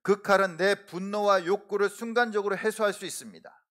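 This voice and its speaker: A middle-aged male pastor giving a sermon in a church, preaching earnestly, pressing his points hard and letting his sentence endings fall soft. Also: high voice, steady tone, fairly quick. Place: church sanctuary.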